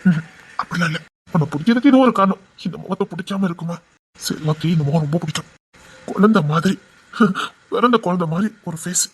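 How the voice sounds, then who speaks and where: A man's voice: sits high, quick pace, slightly rough. A young man playing a devoted, apologetic lover in a web series drama, coaxing and pleading affectionately. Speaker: actor.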